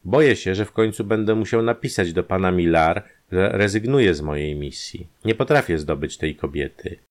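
A man voicing a smooth-talking male private detective, a conman who speaks in an ingratiating, persuasive way. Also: deep voice, animated, normal speed. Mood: wheedling.

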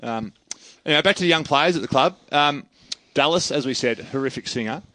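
A man's voice: medium pitch, sharp tone, dry recording. A man hosting a casual podcast chat, joking and leading the questions. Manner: fast, joking, leads the questions. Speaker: podcast host.

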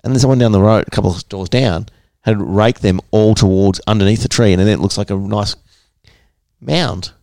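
A man's voice: on the low side, brisk, creaky, a little mellow, no room sound, studio quality. A man with an Australian accent co-hosting a podcast in casual, slangy banter, often joking. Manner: joking, slangy Aussie bloke. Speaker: podcast co-host.

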